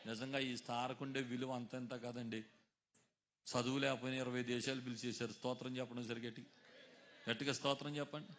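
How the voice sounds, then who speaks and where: A man preaching a sermon, calling on his congregation to answer aloud, dropping low and then rising to loud exhortation. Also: slight background noise. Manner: calls on the congregation to answer loudly, swings between hushed and shouted. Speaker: pastor.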